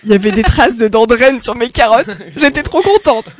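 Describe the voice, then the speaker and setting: A woman chatting casually in a group talk, lively and exclamatory, with many fillers. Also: a little high, brisk.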